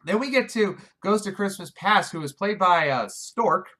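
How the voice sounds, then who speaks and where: A man's voice: sits high, animated, moderate pace, bright, forceful tone. A man giving a casual video review of a film, wry and exasperated, often restarting his sentences. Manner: wry, exasperated, talks over himself with restarts.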